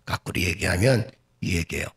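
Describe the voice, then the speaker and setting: A man's voice: low-pitched, fairly quick, gravelly, a bit bright. A male pastor preaching a sermon, who keeps asking his congregation questions and acts out the lines he quotes.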